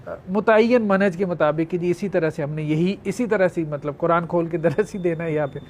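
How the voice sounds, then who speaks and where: Measured man in a panel talk. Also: fairly high pitch, darkish tone, a little hiss or hum. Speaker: discussion participant. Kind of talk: panel discussion.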